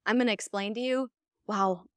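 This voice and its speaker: A woman's voice: medium pitch, animated, brisk, dry recording, studio quality. A young woman talking candidly as a podcast guest, speaking frankly and swearing casually. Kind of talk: casual chat.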